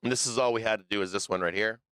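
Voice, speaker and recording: On his live trading stream, a stock market host runs through the charts at a very fast clip, thinking out loud in a loose way full of fillers and false starts. His voice is low, bright and crisp but clearly failing, and the sound is dry and close-miked with no echo.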